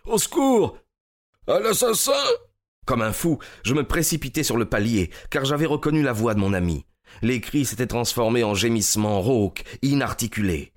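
A man narrating a story in a steady, measured audiobook reading. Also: mid-range voice.

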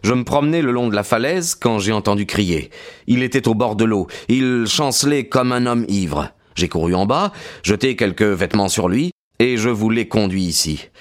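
A man reading an audiobook, voicing a distraught male school head who speaks in a hurried, pleading way. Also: fairly low pitch, lively intonation, close to an everyday voice. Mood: frantic.

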